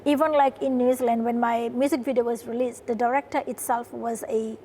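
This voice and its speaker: A Fijian production company founder, interviewed in a studio, earnestly relates her story and often adds "right?" as she speaks. Her voice is on the high side and dark in tone, level and fairly quick, with slight background noise.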